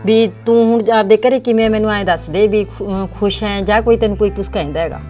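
A woman playing a sad older aunt, speaking softly and lamenting in a village family drama. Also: mid-range voice, fast, soft background music, close to an everyday voice. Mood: worried. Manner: lamenting, soft-spoken.

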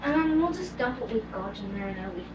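A woman's voice: a little high, expressive, a little fast, roomy sound, dull audio, noisy background, close to an everyday voice. A woman playing a bossy, prim young Englishman in an amateur cosplay comedy skit, giving orders in a dry way, filmed by a far camera in a home kitchen.

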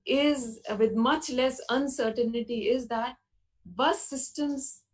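Woman presenting a webinar, pausing on fillers. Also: fairly high pitch, breathy edge, low-quality recording. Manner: measured explanatory delivery with frequent uh fillers. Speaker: panelist presenting slides. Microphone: video call.

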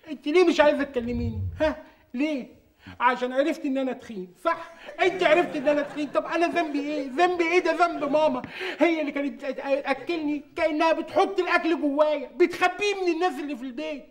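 Heartbroken chubby suitor, high whiny pleading voice, quick Egyptian delivery. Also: male voice. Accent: Egyptian Arabic. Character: overweight lovesick young man, whiny.

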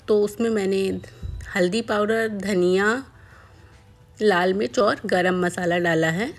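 Calm woman explaining a recipe. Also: mid-range voice. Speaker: cooking channel host. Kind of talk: voice-over cooking tutorial.

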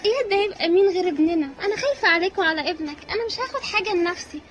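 A woman's voice: very high-pitched, lively intonation, racing, fairly bright tone, dull audio. A woman playing a scheming young wife who coaxes and soothes her husband in a wheedling manner. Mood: coaxing. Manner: coaxing, wheedling.

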